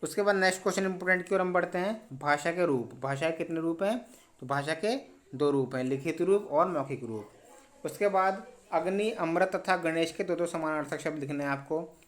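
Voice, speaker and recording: A man teaching an exam revision lesson, moving briskly through questions and often stressing what is important. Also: a little high, a bit bright. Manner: brisk, repeats "important" and "ठीक है".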